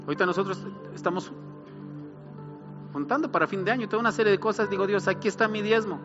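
A man's voice: high-pitched, fast, in a large hall, dull audio, over music. A middle-aged man, preaching a sermon as pastor, building emphasis and asking rhetorical questions.

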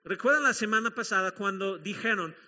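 Pastor, man, high sharp voice, emphatic preaching, dull recording with long hall reverb. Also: animated, brisk. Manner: emphatic, repeats key phrases, questions the congregation. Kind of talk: sermon.

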